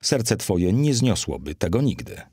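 A sly old Greek schemer who fawns and wheedles his way through every sentence, as a narrator puts him on. The voice is low with a husky edge, recorded dry and close for an audiobook. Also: measured pace, no room sound, full character voice. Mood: wheedling. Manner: obsequious and wheedling, full of flattery. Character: fawning cunning old Greek flatterer.

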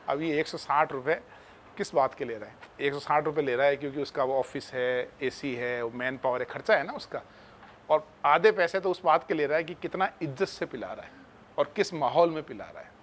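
A man's voice: fairly high pitch, a little fast, a little hiss or hum. A man teaching chemistry in a casual, chatty way, talking to his students like friends. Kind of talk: casual classroom talk.

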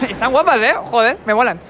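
At a moderate pace, a brash young man with a very high voice, lively intonation and sharp tone runs a teasing street quiz in an indoor convention hall. He trades playful, mocking insults through a furry-windscreened handheld mic, with a little hiss or hum audible.

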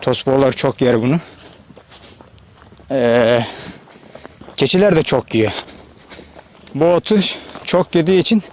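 A man's voice: medium pitch, expressive, a little slow, pauses often, a little hiss or hum. Shepherd vlogger, male, easygoing talk to camera on a hillside. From Turkey. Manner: chatty, addresses viewers directly, calls out to animals. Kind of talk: casual outdoor vlog narration. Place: open hillside pasture outdoors. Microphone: handheld or body-worn camera.

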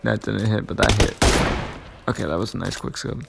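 Gravelly young man commentating his game. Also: fairly low pitch, brisk, heavy background noise. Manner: frustrated, self-talking, sudden excited yelps. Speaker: gaming channel host. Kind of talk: casual gameplay commentary.

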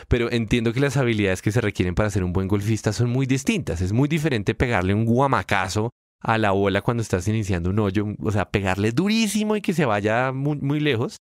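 A man co-hosting a casual podcast, explaining ideas with emphatic rises in pitch. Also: no echo, studio quality. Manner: explanatory, animated pitch jumps when stressing points. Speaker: podcast co-host.

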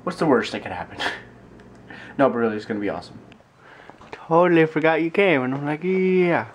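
A man's voice: on the high side, big pitch swings, fast, a little hiss or hum. Rambling, self-amused male vlogger. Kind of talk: casual daily vlog chat.

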